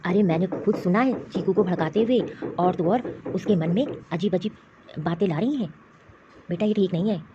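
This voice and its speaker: A woman's voice: on the low side, normal speed, close to an everyday voice. A woman voicing a kind father who backs his daughter in a cartoon. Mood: supportive. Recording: dull lo-fi track with noise.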